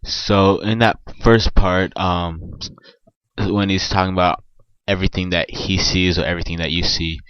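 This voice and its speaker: A man with a nasal voice from a cold, giving casual spoken commentary on a song and pausing often with ums and restarts. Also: low-pitched, flat delivery, fairly bright tone, clean tone, no room sound, muffled recording. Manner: hesitant, many ums and restarts. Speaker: video maker explaining song lyrics.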